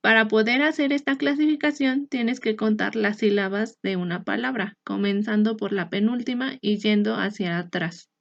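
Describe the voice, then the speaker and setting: A woman teacher explaining a lesson in a clear, measured way, sometimes restarting a phrase. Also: mid-range voice, no room sound. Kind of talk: recorded online lesson. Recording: dry, slightly muffled recording.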